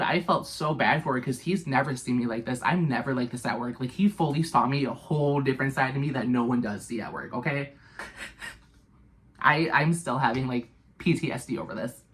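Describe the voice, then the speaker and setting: A young woman casually telling an animated, profanity-laced storytime about a bad night, full of fillers and dramatic asides. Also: deep voice.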